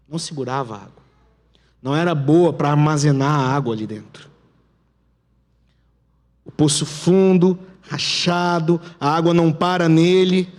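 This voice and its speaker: Man preaching, Brazilian Portuguese accent, fairly high voice, dramatic storytelling sermon, long church reverb. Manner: dramatic storytelling, dropping to a hush at key points. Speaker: pastor. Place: church sanctuary.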